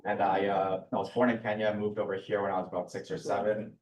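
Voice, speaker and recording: A man's voice: on the low side, little pitch movement, quick pace, slight background noise. A young man in his twenties, a law student, introducing himself in a casual, friendly way. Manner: friendly, casual, many fillers. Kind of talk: self-introduction at a public meeting. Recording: echoey room, mic far off.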